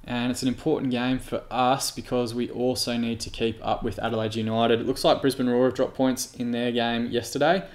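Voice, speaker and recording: A man's voice: medium pitch, flat delivery, brisk, few pauses. A man commentating his own football manager game, prone to sweary, exasperated outbursts. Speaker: gaming YouTuber.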